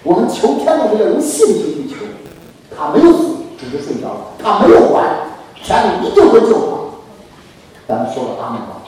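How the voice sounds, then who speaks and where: A man's voice: sits high, wildly swooping pitch, fairly quick, crowd noise. Male preacher, impassioned and exhorting, heard from far off in a big echoing church hall. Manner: impassioned, swings between soft asides and loud exhortation. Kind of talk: sermon.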